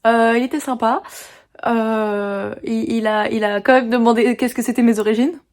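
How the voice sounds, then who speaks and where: Teenage girl, from France, animated storytime vlog, fairly high voice. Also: moderate pace. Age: teens. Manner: chatty, animated, venting. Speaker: vlogger.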